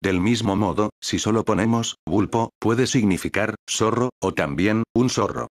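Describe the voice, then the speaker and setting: A male text-to-speech voice reading a scripted educational narration in an even, synthetic cadence. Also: lowish voice, normal speed, no echo.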